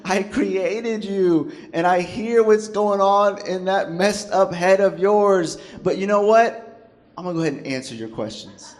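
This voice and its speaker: A man voicing Jesus as a knowing, gentle, teasing adult man inside a sermon. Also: high-pitched, a little slow, long reverb tail, voice pushed up.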